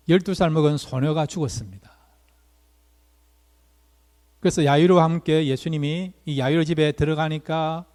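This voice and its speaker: Fairly high-voiced male pastor preaching. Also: darkish tone. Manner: preaching with repeated rhetorical questions to the congregation. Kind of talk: sermon. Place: church sanctuary. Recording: long reverb of a church hall.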